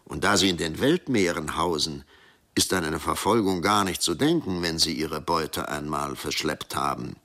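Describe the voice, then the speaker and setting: A man's voice: extremely low pitch, normal speed, bright, forceful tone. A man narrating a folk tale as a storyteller who speaks directly to his listeners.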